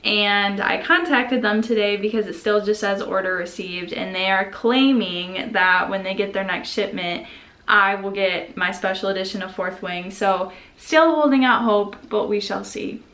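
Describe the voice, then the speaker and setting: A young woman chatting casually at home in a vlog, gushing and excitable. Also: medium pitch, unhurried. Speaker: book vlogger.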